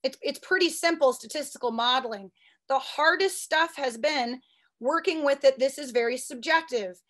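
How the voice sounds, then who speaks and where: A woman who is a statistics professor giving a quick, eager conference talk with frequent restarts. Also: sits high, a bit bright. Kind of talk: fast conference presentation.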